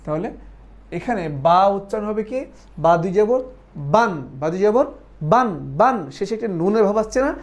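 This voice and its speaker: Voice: medium pitch, a little mellow. A Quran recitation teacher giving an online lesson, patiently explaining step by step, asking questions and then answering them and repeating points for drilling.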